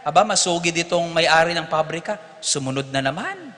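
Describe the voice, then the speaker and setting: A male priest giving a lively storytelling sermon at Mass in a large church. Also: on the high side, a little fast. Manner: animated storytelling, mixing in English lines. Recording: echoey church hall.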